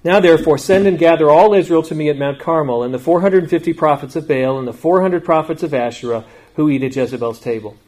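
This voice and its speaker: Pastor reading scripture, measured and dramatic. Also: male voice, fairly high pitch, a little mellow. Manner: measured, dramatic reading with slow emphatic phrases. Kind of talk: scripture reading then sermon.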